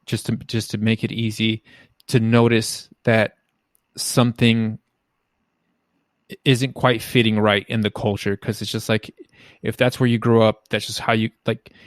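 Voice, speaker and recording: This U.S. podcast host conducts interviews in a middle-pitched, rather flat voice, stumbling along as he searches for words. The recording is close and dry, with no trace of room reverb.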